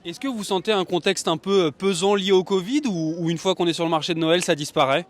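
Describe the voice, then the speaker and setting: High-voiced man reporting a street interview. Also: fairly even intonation, quick pace. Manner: friendly, clear questions. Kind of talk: vox-pop interviewing.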